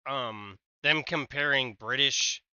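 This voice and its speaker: Streamer, adult male, American, laid-back gaming banter, bright tone, dry mic. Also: mid-range voice, slow pace, smooth, no room sound, dull audio. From United States. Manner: casual, swears a lot, trails off mid-sentence. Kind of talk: casual gaming chat.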